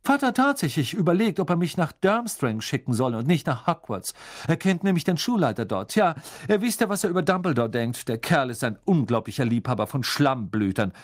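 A man's voice: fairly high pitch, sing-song, fairly quick, voice pushed up. A man voicing an arrogant schoolboy with a snide, drawling voice. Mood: sneering.

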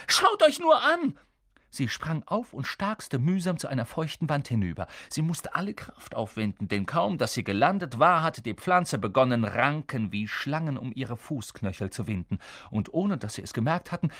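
A man narrating a fantasy audiobook with expressive, dramatic storytelling and a husky voice. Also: medium pitch, normal speed, few pauses, no echo, studio quality.

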